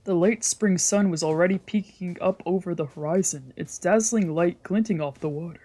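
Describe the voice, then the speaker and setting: Warm in tone and medium in pitch, a streamer reads a visual novel's scripted story aloud at normal speed during a let's play, with game music behind the voice. Occasional stumbles lead them to go back and reread phrases.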